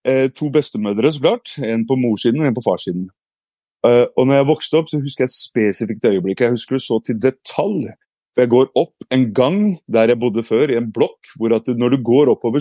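A man's voice: mid-range voice, warm tone, no room sound, clean studio sound. A man giving a casual explanatory talk, reflective, with frequent hesitations and restarts. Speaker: speaker.

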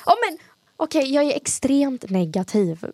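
A young woman with a light Gothenburg accent chatting casually as a podcast co-host, with a dry way of talking that sounds sarcastic even when she means it. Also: high voice, slight background noise. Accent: light Gothenburg Swedish. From Sweden, grew up in Gothenburg. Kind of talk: casual chat.

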